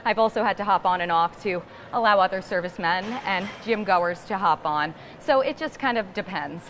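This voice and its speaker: A woman's voice: mid-range voice, a little fast, fairly bright tone. A young woman working as a live TV news reporter, upbeat as she talks while exercising in a gym. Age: young adult. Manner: upbeat, talking while climbing a stair machine. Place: indoor gym, on a stair climber. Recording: live gym floor with background machine noise.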